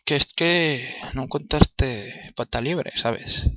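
Taking it slowly, this young Spaniard commentates his own let's play in a medium-pitched voice that sounds pushed and bright, with no room sound. He grumbles, swears often and talks to himself in exasperation.

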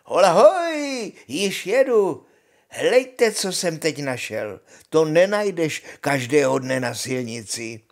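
An older man reading aloud and voicing a cheerful, foolish young peasant who hollers and sings out in high bursts. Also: vocal fry, natural voice. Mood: hollering.

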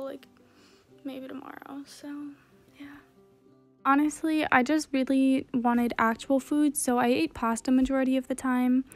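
A young adult woman giving a casual video diary update, rambling hesitantly and often saying "like". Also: sits high. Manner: hesitant, filler-heavy rambling with frequent "like". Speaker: vlogger.

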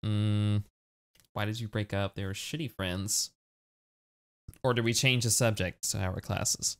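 A man's voice: on the low side, fairly even intonation, unhurried. A man giving casual let's play commentary, reading chat choices aloud, laughing often and swearing. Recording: keyboard typing noise clearly heard. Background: keyboard clicks and typing.

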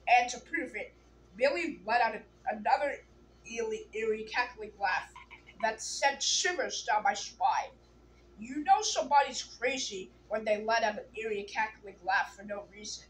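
A woman reads a children's book aloud in a plain, unhurried way, sometimes restarting a word. Her voice sits a little high. A faint hiss runs under the recording. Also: low-quality recording. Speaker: storybook reader.

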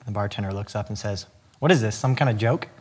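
A middle-aged man with a fairly low voice tells clean jokes in casual back-and-forth. He spins them out like little folksy stories, quoting each character. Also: fast talker, breathy edge. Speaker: contestant in a joke-telling challenge. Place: indoor studio set.

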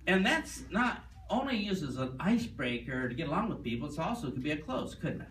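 A man leads a live sales seminar, quizzing the room and telling stories. His voice sits fairly high. He sounds distant and roomy, with faint noise behind him. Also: brisk. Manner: animated, quizzes the audience, tells stories. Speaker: sales trainer.

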